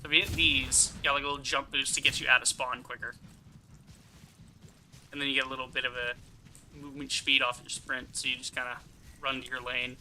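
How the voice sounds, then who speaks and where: Bright, forceful male game streamer. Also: medium pitch, level tone, a little fast, long pauses, slight background noise. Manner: rambling, thinking aloud; casually profane. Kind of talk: casual first-impressions game commentary.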